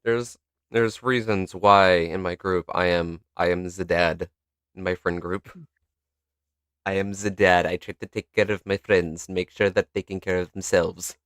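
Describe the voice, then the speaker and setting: A young man co-hosting a casual podcast chat, swearing freely and laughing loudly. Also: low-pitched, fairly even intonation, unhurried, smooth, dry recording, clean studio sound. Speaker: podcast co-host.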